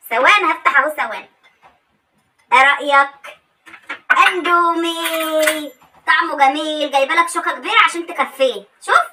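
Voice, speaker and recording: A woman's voice: high-pitched, distant mic, very noisy, pitched below the performer's own voice, lightly acted. A woman voicing a cheeky, stubborn young wife in a comedy sketch, with an Egyptian accent and a coaxing, defiant manner. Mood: teasing.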